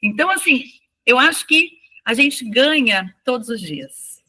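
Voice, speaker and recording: A woman teacher speaking as an interview guest, reflective and animated as she tells stories from her classroom. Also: high voice, a little slow. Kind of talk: casual interview talk.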